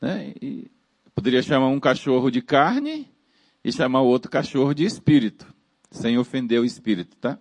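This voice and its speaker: A man's voice: mid-range voice, expressive, moderate pace, dry recording. A man preaching a sermon emphatically, repeating phrases and calling out to the congregation.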